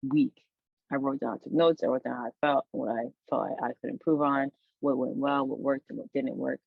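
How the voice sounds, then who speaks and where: A stock trader who hosts a channel gives a loose, rambling weekly recap of his trades, full of fillers and interrupted by hiccups. His voice is medium-pitched and gravelly. The audio is dry and tinny, like a phone, with no room sound.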